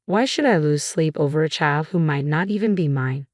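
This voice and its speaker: A woman reading the lines of a distant, dismissive young husband in a storybook drama, with flat, cold replies. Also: deep voice, normal speed, no echo, studio quality.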